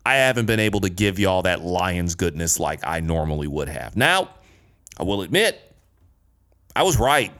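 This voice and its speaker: A man's voice: low voice, very animated, moderate pace, a bit bright. A man from the United States hosting a solo podcast in a casual, slangy, emphatic way, repeating phrases for effect. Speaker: podcast host. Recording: music behind the voice. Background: music.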